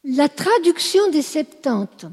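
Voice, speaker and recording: A woman's voice: high voice, sing-song, takes it slowly, darkish tone, long reverb tail. A woman teaching a class, explaining at length and often checking whether her listeners follow. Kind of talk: classroom lecture.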